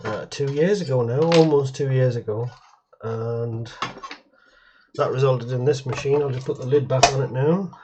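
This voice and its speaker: At a moderate pace and in a mid-range voice, a man presents computer hardware casually at a home workbench, wandering off topic, hesitating and correcting himself partway through sentences. The retro hobbyist's slightly dull, muffled recording has heavy background noise.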